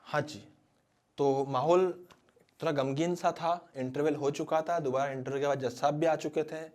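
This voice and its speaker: A man's voice: fairly high pitch, normal speed. A man teaching physics as a dramatic story, talking straight to his students. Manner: animated, dramatic storyteller who addresses students directly.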